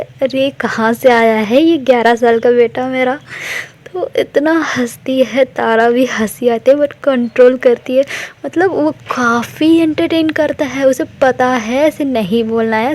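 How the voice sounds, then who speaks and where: A woman's voice: on the high side, darkish tone. A woman casually retelling a romance story in a chatty way, mixing in English words. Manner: chatty, mixes English words into her talk.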